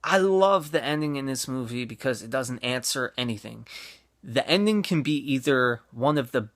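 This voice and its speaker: A man's voice: mid-range voice, lively intonation, normal speed, a bit bright, no room sound, clean studio sound. A man hosting his own channel, talking through a list of favorite movies in a casual, chatty way with fillers and restarts.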